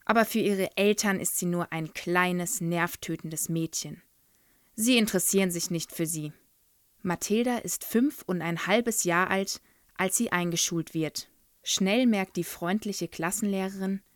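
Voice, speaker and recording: A woman presenting a children's book and reading from it in clear, even storytelling. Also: fairly low pitch, dry recording, studio quality. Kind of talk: book presentation with read-aloud excerpt.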